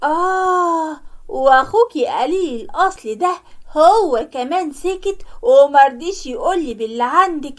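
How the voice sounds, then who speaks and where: A woman voicing a sharp-tongued young married daughter who scolds loudly, with an Egyptian accent, in an animated story. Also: high-pitched, normal speed. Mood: scolding. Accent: Egyptian Arabic. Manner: loud, harsh and scolding.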